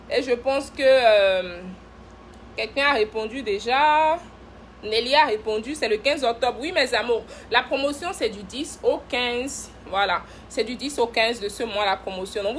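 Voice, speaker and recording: A woman's voice: high voice, fairly bright tone, slight background noise. Playful woman hosting a sales live stream. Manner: playful, teasing, laughs often, greets viewers by name. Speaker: cosmetics brand director hosting a live stream. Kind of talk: casual live-stream selling chat.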